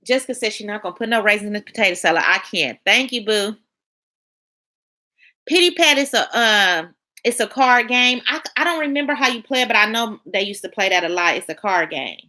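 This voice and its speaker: Woman streamer, relaxed and colloquial, reads chat aloud, bright tone. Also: medium pitch, fairly quick. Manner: chatty, colloquial, talks to viewers by name. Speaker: livestream host reading chat. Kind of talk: casual live-stream chat.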